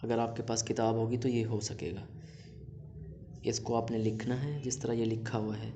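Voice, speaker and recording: A man teaching a recorded language lesson, reading out word lists slowly and then explaining each word plainly to his students. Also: mid-range voice, fairly even intonation, noisy background. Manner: addresses students directly with instructions.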